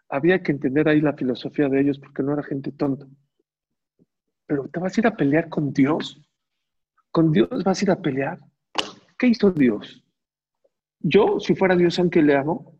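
In a creaky, slightly rough mid-range voice, a male Torah teacher lectures on religion, repeating phrases for emphasis and putting rhetorical questions to his audience. The recording comes across as dull and a bit muffled.

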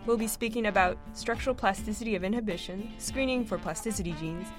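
A woman's voice: mid-range voice, fast, music in the background. A young woman in her twenties, a graduate student, hosting a podcast interview in a friendly, encouraging way. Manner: friendly, encouraging, frequent mm-hmms.

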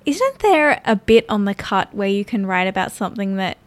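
A woman's voice: mid-range voice, very animated, normal speed. Curious woman hosting an interview. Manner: curious, prompting questions. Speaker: podcast host. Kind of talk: casual interview chat.

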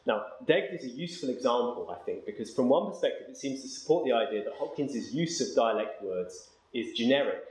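A man giving an academic lecture, hesitating with ums and reading verse slowly and with care. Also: medium pitch, animated, darkish tone, echoey room, low-quality recording. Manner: slow, measured reading of verse, then brisk explanation with ums.

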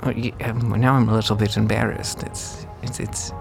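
A man's voice: lowish voice, flat delivery, normal speed, gravelly, music in the background. A man playing a brash, swearing male bard musician in a tabletop game, talking in a rambling, self-deprecating way. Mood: sheepish. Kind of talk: tabletop role-play in character.

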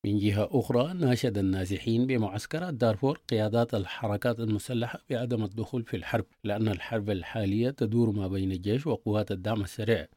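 A man's voice: fairly low pitch, mellow, no room sound, clean studio sound. A man reading scripted radio news as a presenter.

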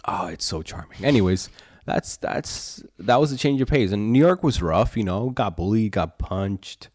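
Low-voiced guy from colombia hosting a chill podcast, says "you know" a lot, dry sound. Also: normal speed, no room sound. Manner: relaxed, filler-heavy with lots of "you know". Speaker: podcast co-host. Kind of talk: casual chat.

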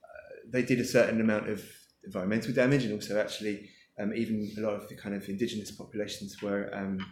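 An author fields questions from the audience at his book launch, stumbling through with many fillers as he thinks aloud. It's an echoey lecture room with slight hiss or hum, and he talks fast in a fairly low, flat, darkish voice.

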